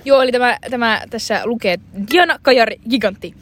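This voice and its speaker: A young woman co-hosting a casual chat, telling rambling, giggly stories full of fillers. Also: a little high. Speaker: co-host.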